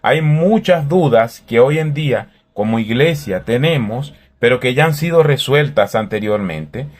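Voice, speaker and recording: A man from Venezuela, hosting a calm, thoughtful faith talk in a conversational way. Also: mid-range voice, unhurried.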